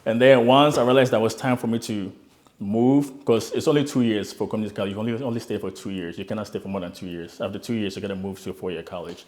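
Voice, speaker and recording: Here a young man from Ghana talks fast in a fairly low, darkish voice with fairly even intonation. As an interviewee and immigrant start-up founder, he earnestly shares a reflective account of his own immigrant story, often repeating words whenever he restarts a thought.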